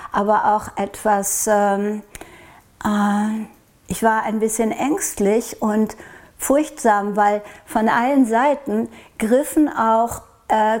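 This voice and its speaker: A woman from Norway tells her story to an interviewer in a soft, reflective way, with a voice pitched a little on the high side. She often breaks off and restarts as she searches for the right words. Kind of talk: recounting a personal experience in an interview.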